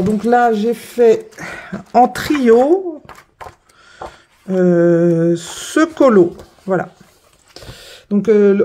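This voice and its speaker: A woman's voice: mid-range voice, dark tone. A woman casually presenting her finished coloring pages, hesitant, with many fillers and self-corrections. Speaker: coloring hobby vlogger. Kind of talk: casual show-and-tell.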